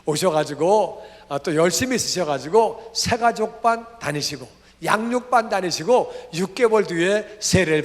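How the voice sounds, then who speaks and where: A middle-aged male pastor preaching a revival sermon, telling family stories and acting out the dialogue with lively energy. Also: on the high side. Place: church sanctuary. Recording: long church reverb.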